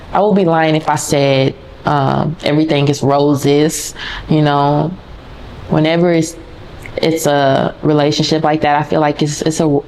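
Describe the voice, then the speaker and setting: A woman's voice: deep voice, a little mellow, slight background noise. A woman podcast host telling a personal story in a candid, casual, conversational way, talking straight to her listeners.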